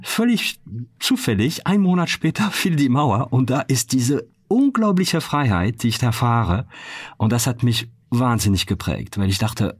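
A man's voice: mid-range voice, husky, no room sound. French-accented man, dry close voice. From France. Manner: hesitant, many fillers and restarts. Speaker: founder and CEO, podcast guest. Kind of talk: reflective interview talk.

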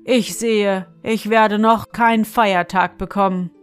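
A woman's voice: medium pitch, fairly even intonation, slow pace, smooth, faint music behind, close to an everyday voice. A woman voicing a weary old king who sighs for peace, in a fairy tale reading. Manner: sighing, weary.

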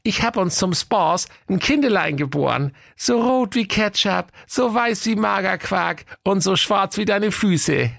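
A man doing a bubbly high-pitched housewife. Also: animated, measured pace, vocal fry, hardly any pauses, fairly bright tone, dry recording, studio quality, exaggerated voice. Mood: coaxing. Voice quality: bubbly, coaxing. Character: cheerful chatty wife, middle-aged woman.

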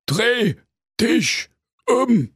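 A man's voice: very high voice, very animated, extremely slow, a bit bright, breathy edge, no room sound, clean studio sound, pitched above the performer's own voice, exaggerated voice. A man voicing a cowardly, whiny big bad wolf, nervous and blustering.

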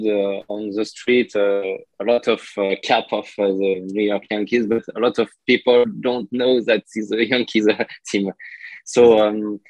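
Slow, halting Frenchman translating in his head. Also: lowish voice, no echo, rough recording. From France. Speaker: podcast guest and card collector. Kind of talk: casual interview storytelling.

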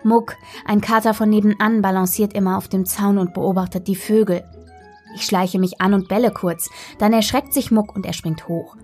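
A woman reads a children's story aloud gently and playfully, narrating in the first person as a dog. Her voice is medium-pitched with a steady tone and a moderate pace, and faint music plays behind her.

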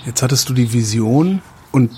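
A man with a German accent interviewing casually, asking short, calm questions. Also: medium pitch, moderate pace, a little hiss or hum.

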